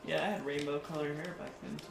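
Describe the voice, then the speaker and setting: A woman giving quiet, brief replies from away from the microphone in a casual chat. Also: sits low, steady tone, fast talker, vocal fry, slight background noise. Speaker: co-host partner. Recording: echoey room, far from mic.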